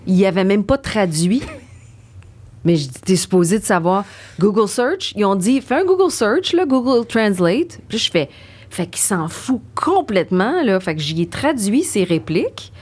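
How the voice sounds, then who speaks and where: A middle-aged woman with a Québécois French accent, a guest in a casual talk, recounting stories briskly. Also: medium pitch. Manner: brisk anecdotal, lively recounting. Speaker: guest actress. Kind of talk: casual conversation.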